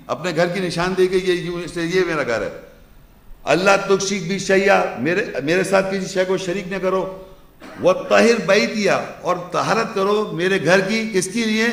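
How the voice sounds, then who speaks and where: An Islamic lecturer with a high, gravelly voice gives an emphatic religious talk, firing rhetorical questions at his audience. He chants verses and then explains them in plain, forceful speech, and the sound rings through an echoey room.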